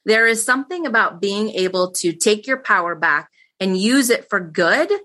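Earnest bright-voiced woman host. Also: mid-range voice, animated, normal speed. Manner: earnest, heartfelt. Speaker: podcast host. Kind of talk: casual interview chat.

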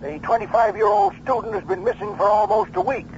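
A man's voice: high voice, a little fast. An actor playing a male county sheriff whose official bulletin comes over a car radio, cutting into the program. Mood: grave. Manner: official, announcer-like bulletin reading. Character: male county sheriff reading a special report. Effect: heard over a car radio, cutting into the program. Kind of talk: old-time radio drama acting. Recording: dull radio broadcast with faint hiss.

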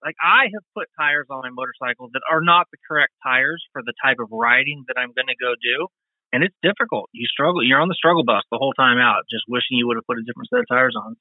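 A man telling lively stories as a podcast guest, acting out what people said, heard over a remote call. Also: quick pace, dry recording. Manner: animated, acts out quotes with pitch jumps. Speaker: podcast guest, motorcycle tire reviewer. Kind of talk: casual storytelling chat. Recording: tinny phone-like line, dry.

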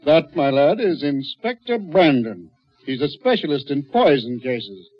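Jovial major, slightly high voice, gentlemanly, confiding, muffled old radio drama. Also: male voice, big pitch swings, unhurried. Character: chatty, confiding village major. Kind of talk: 1940s radio acting. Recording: dull old radio recording.

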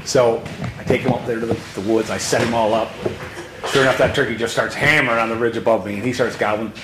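A man in his sixties spins a hunting yarn at a quick clip, acting out each voice in it. The room around him rings a little, with faint noise underneath. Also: mid-range voice, reverberant. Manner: animated storyteller who acts out voices. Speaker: hunting guide guest. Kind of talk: podcast storytelling.

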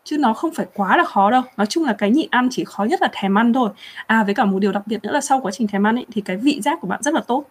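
A young woman hosting a casual live chat, answering viewer questions in a chatty, animated way. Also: on the high side, rapid-fire, slightly rough. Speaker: livestream host.

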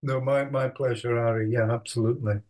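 Older man, thoughtful and halting. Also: mid-range voice, steady tone, a little mellow. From Scotland. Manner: thoughtful, halting, many fillers. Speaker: author and researcher. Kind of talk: interview.

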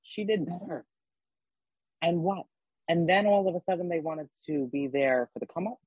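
Husky, emphatic young man hosting a podcast. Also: a little high, moderate pace, no echo, phone-quality sound. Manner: emphatic, swears freely. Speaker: podcast host. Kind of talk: casual podcast chat.

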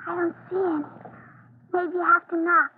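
A woman's voice: very high voice, flat delivery, normal speed. A woman voicing a timid young girl who is easily frightened, in the style of 1940s radio acting, with a nervous, pleading manner. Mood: eager. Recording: tinny old radio broadcast with faint hiss.

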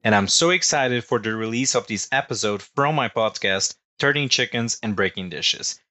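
Man, Portuguese accent, podcast host, upbeat, bright tone. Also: mid-range voice, lively intonation, normal speed, soft background music. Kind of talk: podcast interview.

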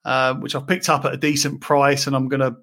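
A man's voice: medium pitch, level tone, a little fast, fairly bright tone. A man from the UK talking casually as a property investor guest, chatty with frequent fillers and restarts. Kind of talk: casual interview chat.

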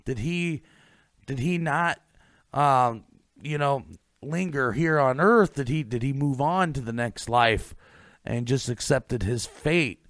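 A man's voice: medium pitch, takes it slowly, no echo, studio quality. A man co-hosting a paranormal podcast, reading a ghost story aloud and then chatting casually with hesitant fillers. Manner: animated, hesitant in chat with fillers. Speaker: podcast co-host.

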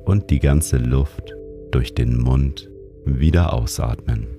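A man narrates a guided sleep meditation in a soothing, calm manner, like a sleep-story narrator. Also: extremely low pitch, slow pace, music in the background. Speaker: meditation guide and show host.

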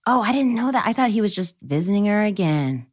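A woman in casual podcast chat, laughing often and acting out scenes in quick little impressions. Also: medium pitch, very animated. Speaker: podcast co-host.

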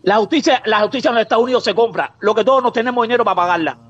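A man's voice: sits high, very fast, fairly bright tone, dull audio. A man on a livestream arguing politics, insistently repeating his questions and calling the other man brother. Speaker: livestream guest. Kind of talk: heated political debate.

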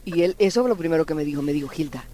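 A woman hosting a radio call-in show, lively, exclamatory and chatty. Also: low-pitched, racing. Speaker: radio host.

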